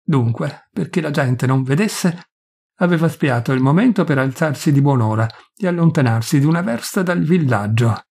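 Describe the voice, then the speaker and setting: A man's voice: a little high, expressive, normal speed, creaky, a little mellow, slightly rough, heavily acted. A man doing a poor, ashamed village priest. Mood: anguished. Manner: pleading, tormented, self-accusing.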